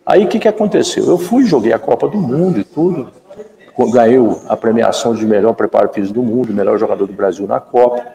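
A man from Brazil in his fifties, a former footballer and guest in a live chat, telling a story in an animated way and acting out the dialogue. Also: mid-range voice, fast talker, vocal fry. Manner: animated storyteller who acts out quoted dialogue. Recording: echoey room with long reverb.

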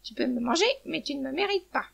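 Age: adult. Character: a woman voicing a brave, defiant hen, high and gravelly. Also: expressive, a little fast, exaggerated voice. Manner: proud and scornful, then despairing. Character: brave defiant hen, female, weary of life. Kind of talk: storybook narration.

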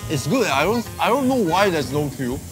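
A man's voice: a little high, very animated, moderate pace, over loud music. A man hosting a food vlog, chatting eagerly as he tastes dishes at an outdoor night market. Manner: enthusiastic, chatty while eating. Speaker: food vlogger host. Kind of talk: casual food vlog chat.

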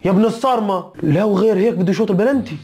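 Man, fast teasing football vlogger, very high voice, faint music behind. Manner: teasing, animated, mock-scolding with frequent laughter. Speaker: football YouTuber reacting to results. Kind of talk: excitable casual football chat.

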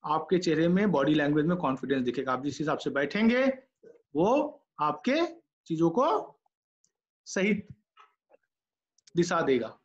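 Brief: middle-aged male lecturer, high voice, direct coaching tone, muffled classroom recording. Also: animated, a little slow, pauses often. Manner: direct, coaching, acts out candidate answers. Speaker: lecturer giving interview tips. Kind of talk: classroom lecture in Hindi mixed with English. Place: classroom with students.

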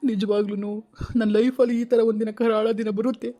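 A man's voice: high-pitched, level tone, moderate pace, mellow. A man hosting his family vlog, crying as he talks to his viewers with a Kannada accent, repeating himself. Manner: tearful, pleading, repeats phrases. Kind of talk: emotional personal vlog talk to viewers.

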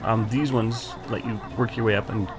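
A man co-hosting a casual let's play at a desk microphone, calmly explaining the game and swearing offhandedly. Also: fairly low pitch, normal speed. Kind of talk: casual gameplay commentary. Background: game music.

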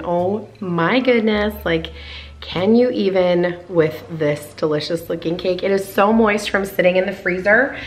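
A woman's voice: on the low side, a bit bright. A woman in her thirties chatting her way through a home cooking video, gushing over the food and filling her talk with "like" and "oh my goodness.". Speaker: cooking vlogger. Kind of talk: casual cook-along narration. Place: home kitchen, indoors.

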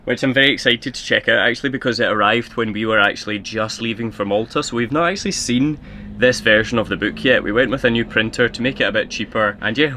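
A man's voice: mid-range voice, background noise. A man, chatting casually to viewers from inside a camper van on a camera held at arm's length. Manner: upbeat, chatty, addressing viewers. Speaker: vlogger. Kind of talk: casual vlog chat. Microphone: handheld camera at arm's length.

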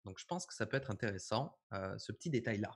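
A man talks through a visual effects tutorial in a loose, conversational way. His voice is slightly husky, and he pads his explanations with easygoing fillers. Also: fairly low pitch, expressive, fast. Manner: casual, explanatory, frequent fillers. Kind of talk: live software tutorial chat.

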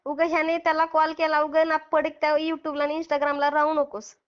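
Over a dull, lo-fi phone line, a prank caller from Maharashtra, India, who posts her call recordings, argues heatedly with scolding, confrontational taunts. Her voice sits high and stays monotone at a normal speed.

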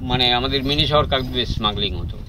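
A man's voice: medium pitch, racing. A man, giving guided tour commentary on a boat deck and laying out his points one by one. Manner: explanatory, counts points off as a lecture. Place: open deck of a boat at sea. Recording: wind and boat noise outdoors.

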